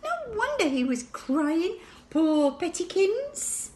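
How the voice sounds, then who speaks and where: A woman's voice: very high-pitched, sing-song, slow pace, darkish tone, pitched above the performer's own voice, full character voice. A woman reading a children's book aloud, voicing a doting young mother who coos in baby talk. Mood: cooing. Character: fond, cooing young mother.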